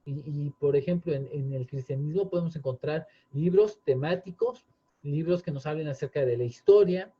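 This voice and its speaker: A man's voice: a little high, normal speed, dark tone, slightly rough. A man, earnestly explaining in casual chat, often restarting with fillers. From Mexico. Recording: dull lo-fi sound.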